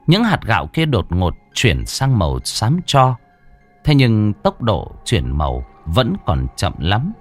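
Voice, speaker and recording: A man narrating a horror story with a dramatic, expressive reading. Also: fairly low pitch, slow pace, faint music behind.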